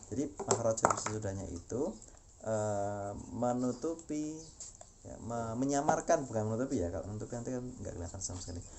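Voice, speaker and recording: A man's voice: on the low side, noisy background. A man teaching a Quran recitation lesson, explaining patiently and chanting examples several times. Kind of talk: tajwid lesson.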